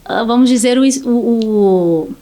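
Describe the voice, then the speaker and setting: A woman's voice: fairly high pitch, slow pace, warm tone. A woman speech therapist from Brazil, a podcast guest explaining things in a teacherly, conversational way.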